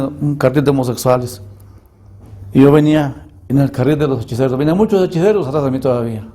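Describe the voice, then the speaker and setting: A man giving an earnest spoken testimony as an evangelist, often clearing his throat and restarting words. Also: on the high side, dark tone.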